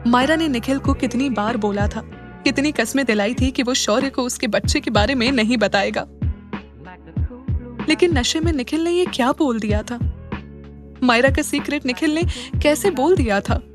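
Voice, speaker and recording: A woman narrating a romantic audio drama in a dramatic, expressive way. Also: high-pitched, moderate pace, music in the background. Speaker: storyteller.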